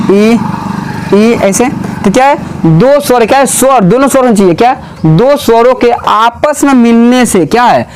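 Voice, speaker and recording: A man with a high-pitched voice teaches a grammar lesson in a classroom. He keeps firing questions at the class and repeats each answer back to them. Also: clean tone.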